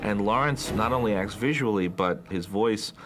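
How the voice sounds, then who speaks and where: A man with a low voice gives an explanatory interview as a film professional, over background music. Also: moderate pace.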